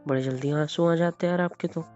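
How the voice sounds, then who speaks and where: A man's voice: fairly high pitch, steady tone, fast. A man playing a husband in a scripted romantic call, coaxing and soothing one moment, stern and scolding the next. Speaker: roleplaying husband. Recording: dull lo-fi audio with soft music.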